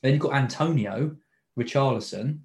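A man's voice: mid-range voice, moderate pace, vocal fry, darkish tone. A man chatting casually about football as a podcast co-host, listing names and repeating words as he starts. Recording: roomy echo.

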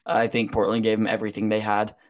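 A man co-hosting a casual sports podcast, giving measured opinions and pausing often with ums. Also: lowish voice, monotone. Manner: measured, pauses with frequent ums.

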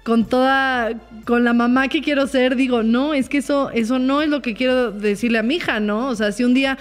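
A woman co-hosting a casual podcast, talking reflectively with frequent tag questions and quoting herself in a higher voice. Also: fairly even intonation, fairly quick, faint music behind. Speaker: podcast co-host.

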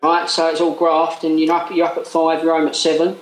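This podcast guest is an Essex man in his late thirties, speaking with the local accent in a casual, matey, working-class way. His voice is on the high side, brisk and completely flat in delivery, and the sound is roomy and echoey.

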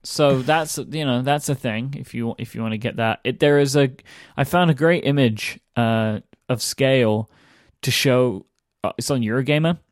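A man's voice: mid-range voice, moderate pace, no room sound, clean studio sound. A man co-hosting a podcast in casual chat, rambling and amused, with lots of fillers. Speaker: podcast co-host.

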